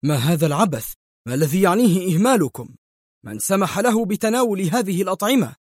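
A man voicing an angry male hospital doctor who shouts in sharp, indignant outbursts. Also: fairly high pitch, big pitch swings, normal speed, breathy edge, no echo, clean studio sound, voice pushed up. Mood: furious.

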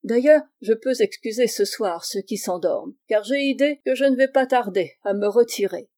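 Woman doing a loud, exclaiming English father. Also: a little high, normal speed, natural voice. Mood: jovial. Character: panicking middle-aged father, loud and jovial.

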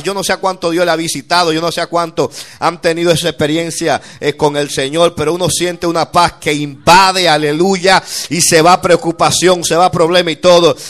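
Dominican male pastor, middle-aged, high tenor, fervent testimony-style sermon. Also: fairly bright tone. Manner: fervent testimony, often calls listeners "hermano".

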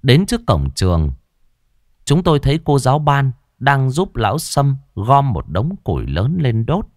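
A man's voice: medium pitch, wildly swooping pitch, a little slow, a little mellow, no room sound, clean studio sound. A man reading a ghost story aloud with a dramatic, suspenseful delivery. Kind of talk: scripted horror narration.

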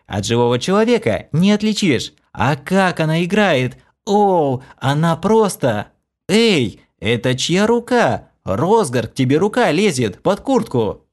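A male audiobook reader voicing an excited, cheeky young woman gamer in a shrill, gleeful voice.

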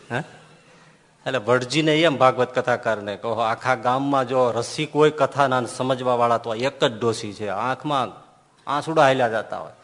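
Preacher, male, mid-pitched, storytelling sermon, swings between loud and quiet, long hall reverb. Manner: storytelling, lively rises and drops in loudness. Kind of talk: devotional sermon.

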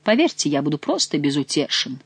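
A woman's voice: low voice, sing-song, a little fast, slightly rough, dry recording, exaggerated voice. Woman voicing a young male nobleman, ironic, mock-polite, teasing, audiobook, dry recording. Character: mocking, cool-headed young male nobleman. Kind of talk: audiobook character reading.

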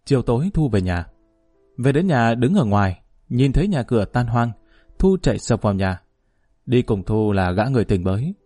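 A man narrating a spoken story in a steady, even storytelling manner. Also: medium pitch, moderate pace, no echo, faint music behind.

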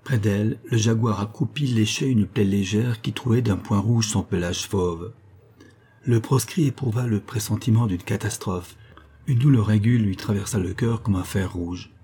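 A male audiobook narrator reads a classic novel in a measured, even way. His voice is low and dark in tone, with a husky grain.

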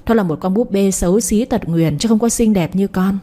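A woman's voice: medium pitch, fairly quick, warm tone, natural voice. A woman voicing a scheming old grandmother with a scornful, cutting way of talking. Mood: coaxing. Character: scheming old grandmother, sharp-tongued and cruel.

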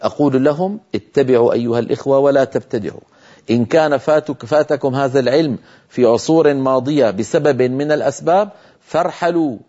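A man's voice: fairly high pitch, dark tone, lo-fi sound. A middle-aged man teaching a Quran recitation lesson, earnestly exhorting his listeners and drawing out sounds to demonstrate them. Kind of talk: tajweed lesson lecture.

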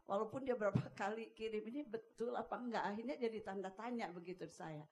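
A woman's voice: medium pitch, fast, darkish tone. A woman in a congregation politely asking her pastor a question, hesitant and full of fillers.

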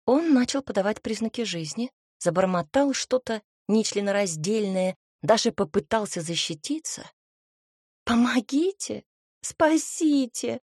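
Brief: woman reading fantasy aloud, expressive, breathy, mid pitch. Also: normal speed, few pauses, dry recording, studio quality. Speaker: audiobook narrator. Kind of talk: first-person fantasy audiobook narration.

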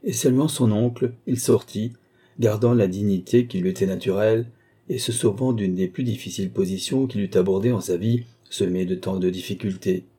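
A man reading a classic novel aloud in an even, literary manner. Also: lowish voice, moderate pace, husky. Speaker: audiobook narrator.

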